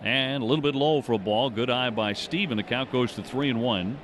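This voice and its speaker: Steady crowd noise from an outdoor stadium surrounds a man calling a baseball game live on radio from the ballpark. Medium-pitched and fairly quick, he describes the play in short, clipped phrases that keep pace with the action.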